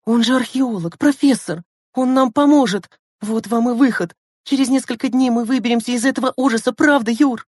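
A man reading an audiobook, voicing a tearful, anxious young teenage girl in a high, strained voice. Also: animated, a little fast, mellow, no room sound, studio quality. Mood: excited.

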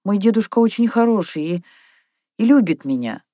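A woman reading aloud, voicing a shy, quiet, bookish young girl who speaks timidly. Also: a little high, lively intonation, moderate pace, no room sound, clean studio sound, pitched above the performer's own voice. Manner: timid, soft-spoken.

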